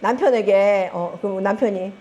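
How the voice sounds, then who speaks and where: A middle-aged woman with a Gyeongsang Korean accent gives a lively talk to a seminar audience as a network marketing group leader, teasing them and asking them questions. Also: medium pitch, normal speed, lo-fi sound, slight background noise. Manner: animated, teasing, asks the audience often and laughs. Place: seminar room with a live audience.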